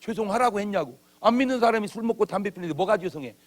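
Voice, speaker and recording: Casting: male pastor, revival sermon, high voice, big swings in pitch, comic delivery. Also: expressive, fast talker. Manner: humorous, conversational preaching with acted-out quotes. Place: church. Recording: old church video.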